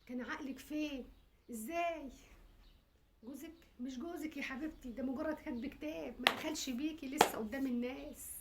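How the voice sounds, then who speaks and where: A woman with an Egyptian accent playing a frantic, furious mother who scolds her daughter with pleading prayers and rapid questions. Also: high-pitched, heavy background noise. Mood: frantic scolding. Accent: Egyptian Arabic.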